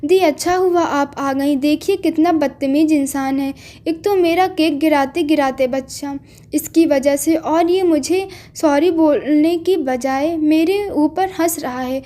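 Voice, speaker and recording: Hot-tempered young woman in a spoken story, read by a woman, mellow dark tone. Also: high voice, unhurried. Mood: angry. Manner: angry, scolding.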